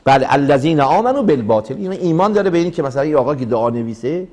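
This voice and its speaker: A man teaching mystical texts in a religious lecture, telling stories and asking the listeners questions as he goes. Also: fairly high pitch. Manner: animated storytelling with rhetorical questions. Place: lecture hall in Vancouver.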